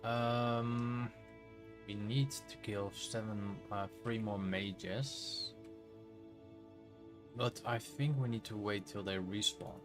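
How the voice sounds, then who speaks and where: A man's voice: fairly low pitch, slow pace, music in the background. A man from the Netherlands with a Dutch accent, chatting casually and rambling while he streams a game. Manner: relaxed, rambling, self-correcting.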